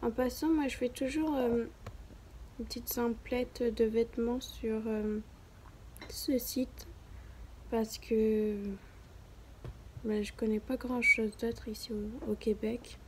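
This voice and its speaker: A young woman from France talks through her online clothes browsing in a casual, wandering way, poking fun at herself and now and then murmuring asides under her breath. Her voice sits a little on the high side. A light hiss runs under the recording. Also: fairly even intonation, slow, long pauses. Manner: rambling, self-mocking, with soft whispered asides. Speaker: vlogger.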